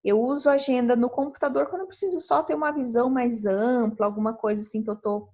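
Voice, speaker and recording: A woman's voice: a little high, fast, dark tone, dull audio. A woman with a Brazilian Portuguese accent, a productivity mentor walking viewers through a screen-share tutorial in a chatty, explanatory way that keeps checking in with them.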